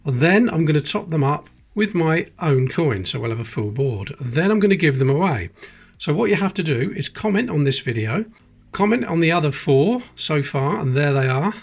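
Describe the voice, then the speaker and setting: Gravelly and a little high, his expressive voice moves at a moderate pace as this chatty British coin channel host sorts old coins. He reads the dates aloud as he goes, working indoors at a table under a close camera that captures only his hands.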